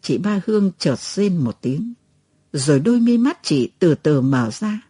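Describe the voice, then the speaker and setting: A woman reads a story aloud in a tender, expressive way. Her voice is low, mellow and lively in pitch. The recording is close and dry. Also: measured pace, slightly rough, dry recording. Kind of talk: storybook narration.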